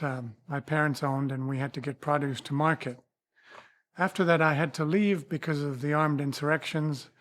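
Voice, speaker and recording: An older man from Tanzania, a pilot and ministry founder, giving a measured, earnest testimony with occasional fillers. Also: on the high side. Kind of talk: testimony interview.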